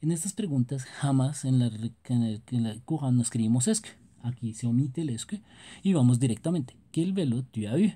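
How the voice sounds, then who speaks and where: Dark husky man teaching French grammar. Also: medium pitch, animated. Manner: explains in Spanish, reads French examples slowly. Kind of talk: scripted grammar lesson narration.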